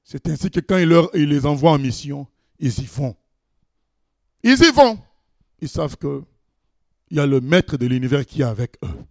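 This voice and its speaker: A man preaching a sermon, reading scripture aloud and commenting on it, swinging between loud exclamations and low asides. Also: a little fast, vocal fry, dry recording, clean studio sound.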